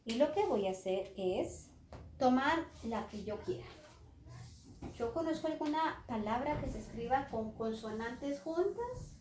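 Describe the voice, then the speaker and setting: A woman teacher leads a children's phonics lesson at a whiteboard, talking slowly and stretching each letter sound. Her voice sits fairly high and stays soft and mellow. She is recorded on a camera mic in a roomy classroom with a faint hum behind her. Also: animated. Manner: slow, drawn-out sounding out of letters. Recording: echoey room.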